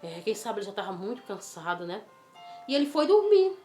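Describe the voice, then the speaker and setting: A woman telling a Bible story to children, animated and coaxing, asking the listener questions. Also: medium pitch, brisk. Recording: roomy with faint music.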